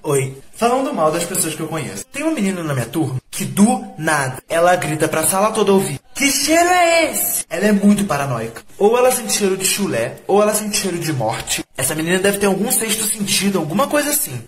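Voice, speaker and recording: A teenage boy rants in a high, bouncy voice with lots of swing in pitch. He talks fast and sounds sarcastic and exasperated, rattling off complaints one after another. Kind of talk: comic vlog rant.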